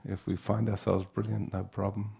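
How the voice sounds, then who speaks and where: A man giving an unhurried spiritual teaching talk at a retreat. He often checks in with the room by asking "yeah?". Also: lowish voice, level tone, gravelly, mellow, slightly rough.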